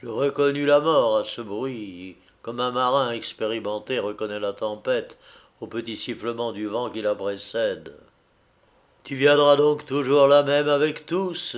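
A man narrating a literary audiobook in a measured, solemn reading. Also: on the low side.

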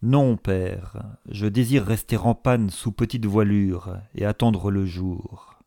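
A man's voice: lowish voice, fairly even intonation, slow pace, vocal fry, dark tone, no echo, clean studio sound. A man voicing a cautious young naval lieutenant. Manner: careful, reasoned. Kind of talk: audiobook character reading.

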